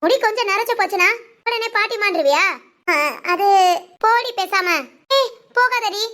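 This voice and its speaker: A woman's voice: very high-pitched, moderate pace, bright, forceful tone. A woman voicing a fussy, aching elderly mother-in-law in a family cartoon, complaining and chiding. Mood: grumbling. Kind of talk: Tamil family cartoon voice acting.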